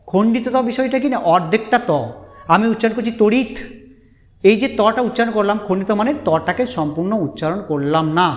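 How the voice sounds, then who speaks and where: A male teacher giving a lesson, explaining step by step and asking and answering his own questions. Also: high-pitched. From West Bengal. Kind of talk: classroom lesson on phonetics. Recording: dull lo-fi audio with long reverb.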